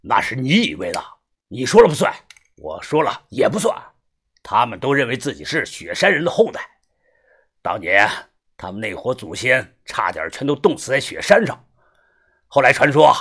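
A man voicing a rough, foul-mouthed older cousin. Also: sing-song, normal speed, fairly bright tone, full character voice. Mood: grim. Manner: swearing, lowered grave tone when explaining. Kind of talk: audiobook character voice.

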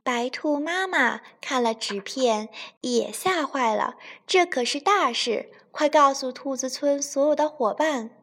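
Slow, high-voiced woman telling a bedtime story. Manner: slow, gentle, expressive.

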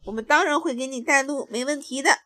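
A woman's voice: sits high, fast, sharp tone, no room sound. A woman voicing a mumbling, helpful striped fish. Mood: obliging. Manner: mumbling, obliging.

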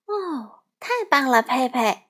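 Gentle koala mom correcting her kid, slow patient words, woman reading. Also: high voice, lively intonation.

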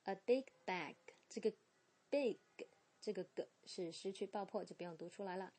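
A woman teaching English pronunciation in Chinese, slowly and deliberately, repeating each word as a drill. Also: mid-range voice, steady tone, darkish tone. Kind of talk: bilingual pronunciation lesson.

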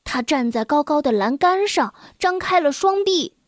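A woman storyteller reading a children's story aloud in a gentle, expressive way. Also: sits high, moderate pace, no room sound, studio quality.

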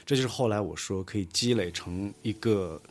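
A man's voice: lowish voice, normal speed. A man from Lanzhou, a guest pronunciation coach, explaining things in a casual podcast chat with a patient, teacherly manner. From Lanzhou, China.

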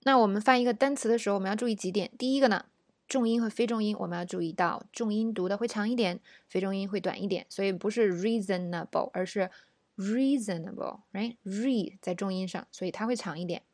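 A woman from China teaching English pronunciation, explaining patiently and modeling words slowly. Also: mid-range voice, fairly even intonation, no echo. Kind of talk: spoken language lesson.

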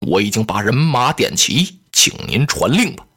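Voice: mid-range voice, big pitch swings, moderate pace, a bit bright, husky, voice pushed down, exaggerated voice. A storyteller voicing a sly, blustering male general who fawns over his lord while plotting. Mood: fawning. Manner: fawning toward his lord, crafty. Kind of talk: traditional storytelling.

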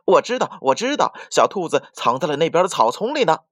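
A man voicing a chattering blabbermouth male myna bird in a children's bedtime story, talking fast and high and repeating himself. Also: no room sound. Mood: eager chatter. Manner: rapid, high, repeats itself excitedly.

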